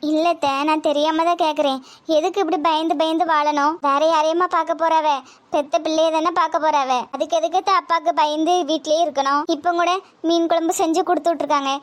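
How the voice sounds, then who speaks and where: An earnest young pregnant daughter-in-law, voiced by a woman in a cartoon, with a spirited, defiant streak. She speaks Tirunelveli Tamil in a high voice. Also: fairly even intonation, a little fast, close to an everyday voice.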